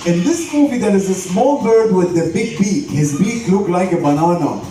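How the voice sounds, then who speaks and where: At a live bird show, a male trainer with a high, mellow voice plays the showman, firing questions and commands at the audience in an animated way at normal speed. The venue is very echoey, he sounds distant, and music plays behind him.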